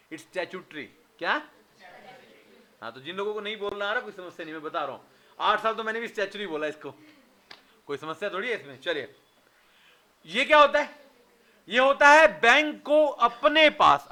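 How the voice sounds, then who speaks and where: A man's voice: sits high, sharp tone. A man in his thirties teaching an exam revision lecture, firing questions at his students and answering them himself, with Indian-accented English words.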